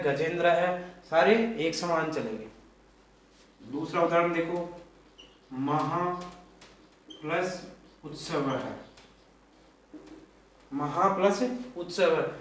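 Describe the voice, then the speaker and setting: A man's voice: high-pitched, fairly bright tone. A male teacher giving a grammar lesson, repeating points and quizzing the class with questions. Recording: echoey room, mic far off.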